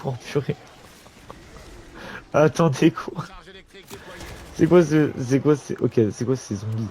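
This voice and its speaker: Excitable young gamer man. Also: mid-range voice, slow. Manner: excitable, slangy, talks to viewers, sudden yelps. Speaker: gamer streamer. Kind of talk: casual gameplay commentary.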